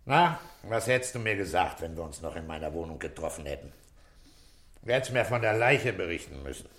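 In a German radio drama, an actor voices a middle-aged police inspector who talks calmly and coaxingly, fatherly yet shrewd. His voice is low-pitched and his delivery a little fast.

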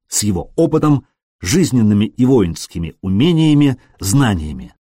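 A man reading an adventure novel aloud as a studio audiobook, in an expressive style that briefly acts out the characters. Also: fairly low pitch, normal speed, breathy edge, no echo. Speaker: audiobook narrator. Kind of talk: scripted audiobook narration.

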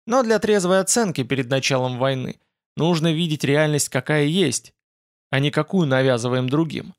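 Guy reading an audiobook, steady, kinda high voice, dry close mic. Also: normal speed, no room sound. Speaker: audiobook narrator. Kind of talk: scripted first-person narration.

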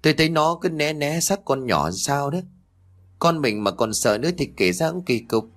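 A man voicing a gossiping village neighbor woman who talks in hushed, chatty tones. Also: fairly high pitch, expressive, normal speed, voice pushed up.

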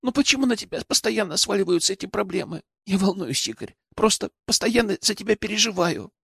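A man voicing a frightened, tearful young woman who shouts and whispers. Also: lively intonation, a little fast, gravelly, breathy edge, no room sound, clean studio sound, exaggerated voice. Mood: whispering worried. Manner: shrill cries then trembling whispers.

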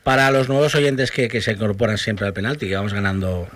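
A man's voice: on the low side, fairly even intonation, fairly quick, a bit bright. A man hosting a sports radio talk show, introducing guests and asking them questions.

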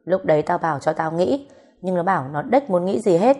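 Coarse, swearing woman in a storybook, gruff and scolding, voice on the low side as a woman narrator puts her on. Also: lively intonation, brisk, dark tone. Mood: blunt. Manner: rough, scolding, swears freely. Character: coarse, blunt, foul-mouthed grown woman.

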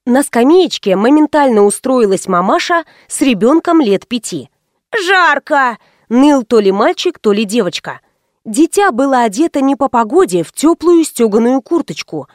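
A woman narrating an audiobook in the first person, wry and expressive. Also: on the high side, dry recording, studio quality.

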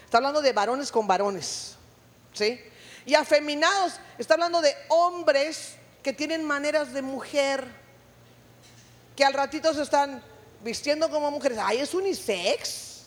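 A woman preaching a sermon in a church, telling stories in a lively way and acting out voices. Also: high-pitched, normal speed. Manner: lively storytelling, full of acted voices. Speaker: guest preacher. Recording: reverberant church hall.

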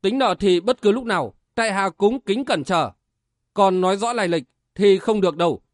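A man's voice: sits high, normal speed, no room sound, clean studio sound, close to an everyday voice. Man doing a grim young swordsman. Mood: defiant. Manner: cold, threatening. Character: grim young swordsman hero, cold and furious.

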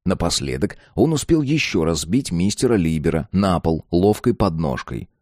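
A man narrating an audiobook in a steady, even storytelling manner. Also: low voice, normal speed, no room sound, clean studio sound.

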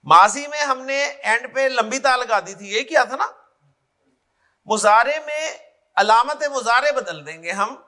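A man's voice: very high voice, lively intonation, bright, forceful tone. A man with a Pakistani Urdu accent teaching Arabic grammar as a lecture, drilling word forms aloud and often checking that students follow. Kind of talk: classroom lecture.

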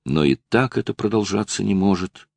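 A proud, resolute young woman in love, as a male narrator voices her speaks softly and with restraint. The voice sits very low and has a gravelly edge. The sound is close and dry. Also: expressive, normal speed, dry recording. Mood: anguished.

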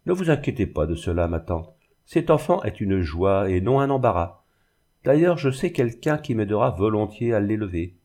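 A man voicing a firm, generous young woman in an audiobook, calm and soft-spoken. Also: on the low side, normal speed. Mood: gentle.

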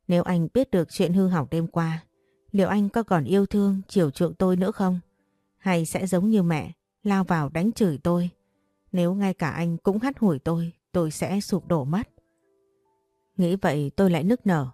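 A woman's voice: lowish voice, normal speed, dark tone, no echo, clean studio sound, soft background music. A woman narrating a romance story aloud, reading every character's lines herself in a scripted storytelling style. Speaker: audiobook narrator.

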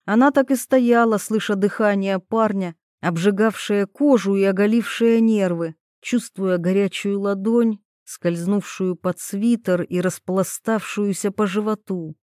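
A woman narrates an audiobook in a steady, even, mid-pitched voice. The recording is dry and close, with no room sound. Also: unhurried, hardly any pauses, dry recording. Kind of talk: scripted narration.

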